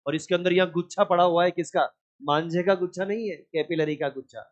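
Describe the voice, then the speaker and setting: Guy teaching a biology class, a bit high voice, keeps quizzing the class and answering himself, dull lo-fi sound. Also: brisk. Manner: animated, asks the class questions and answers them himself; scolds inattentive students. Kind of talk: classroom lecture.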